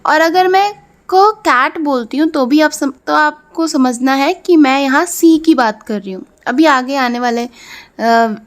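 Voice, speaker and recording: A woman with an Indian accent teaching a phonics lesson to children. She sounds out letters slowly and checks for understanding. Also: sits high. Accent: Indian English. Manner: slow, drawn-out sounding of letters; repeats "theek hai" to check understanding.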